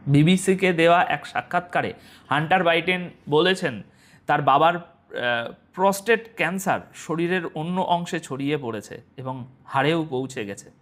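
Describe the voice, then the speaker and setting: A man's voice: fairly high pitch, normal speed. A man presenting international news commentary, speaking straight to his viewers and asking them rhetorical questions. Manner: animated, rhetorical questions to the audience.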